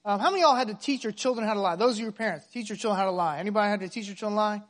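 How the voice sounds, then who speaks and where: A man with a high voice preaching from the pulpit. He speaks with emphasis and keeps asking his congregation rhetorical questions. He comes across as a middle-aged pastor in the middle of a sermon. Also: very fast, a bit bright.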